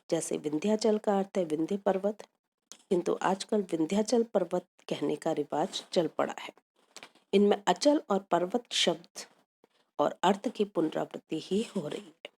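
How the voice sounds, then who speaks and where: Woman lecturer, mellow voice, steady prepared lecture with lots of examples. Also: mid-range voice. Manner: measured, reads from prepared text with examples. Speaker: university Hindi lecturer. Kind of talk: recorded academic lecture.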